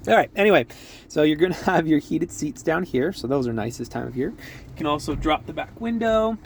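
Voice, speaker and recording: A young man casually walking through a vehicle at a car dealership, with an easygoing manner, frequent laughs and quick asides. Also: fairly high pitch, expressive, creaky, a little hiss or hum.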